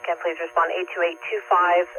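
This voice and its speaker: Fast flat dispatcher over a radio. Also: medium pitch. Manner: clipped, procedural, even delivery. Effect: heard over a two-way radio. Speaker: fire dispatcher. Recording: lo-fi radio transmission with faint static.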